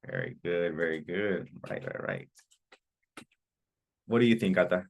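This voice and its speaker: A man's voice: low voice, wildly swooping pitch, a little slow, creaky. A man from the United States teaching an English class, asking students questions and repeating their answers back in an encouraging way. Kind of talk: online class Q&A.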